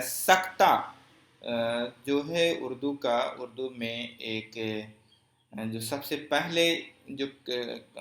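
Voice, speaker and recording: Male teacher, mid-pitched, patient exam-prep lesson, asks and answers his own questions, echoey room. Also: fairly bright tone. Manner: explains step by step, asks questions and answers them; repeats key phrases slowly.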